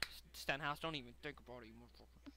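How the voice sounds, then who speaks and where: A young man reacting live to a race as channel host, excitable and swearing as he pleads with the drivers. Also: medium pitch, very fast, no room sound.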